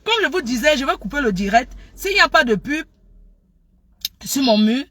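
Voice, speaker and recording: Woman livestreamer, bright and husky tone, animated loud storytelling into a phone. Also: sits high, moderate pace, dry recording. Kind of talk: casual live chat.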